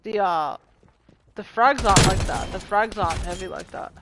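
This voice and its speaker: A worn-out game streamer talks casually during a live stream while playing, mumbling, rambling and swearing a lot. The voice is medium-pitched at a moderate pace, buried in heavy background noise, with in-game gunfire audible behind it.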